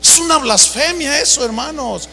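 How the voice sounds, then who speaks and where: Preacher, very high bright voice, emphatic storyteller, roomy hall reverb. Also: male voice, lively intonation, moderate pace, vocal fry, slight background noise. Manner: storytelling, emphatic, direct address to the congregation. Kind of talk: sermon.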